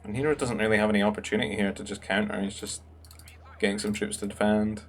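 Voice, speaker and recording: A man's voice: on the low side, level tone, fast talker. A young man commentating a strategy game match in a casual, musing way, thinking aloud with fillers. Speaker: game caster.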